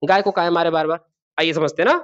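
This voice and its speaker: A man's voice: fairly high pitch, steady tone, fast talker, fairly bright tone, smooth. A male teacher gives a classroom grammar lesson, asking the class questions and repeating key words. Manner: addresses students as babu and beta. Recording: dull lo-fi sound.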